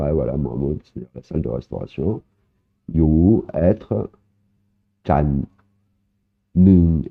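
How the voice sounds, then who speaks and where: A man with a very low voice talks through an informal language lesson. He often stops to hesitate, repeats his examples, and adds little "hein"s. The sound is narrow and tinny, like it comes through a phone line. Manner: explains slowly, repeating words, with many hesitations and filler "hein". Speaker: Thai language teacher. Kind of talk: casual online lesson explaining vocabulary.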